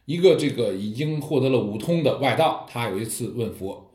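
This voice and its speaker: Animated man giving an echoey dharma talk. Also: mid-range voice, fairly quick. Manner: lively storytelling with rhetorical questions. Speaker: Buddhist teacher. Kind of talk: dharma talk explaining Zen koans. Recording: echoey room.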